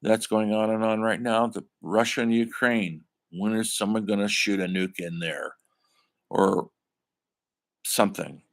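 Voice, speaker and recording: A man's voice: lowish voice, measured pace, creaky. An older man giving a classroom film lecture in a conversational way, calling his students folks. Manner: conversational, addresses listeners as folks. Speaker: college film instructor.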